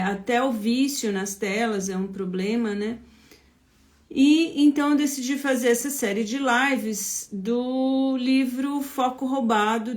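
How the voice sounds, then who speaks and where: A Brazilian woman with a São Paulo accent, a therapist hosting a casual live stream, greeting viewers by name in a chatty way. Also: a little high. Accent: São Paulo Portuguese.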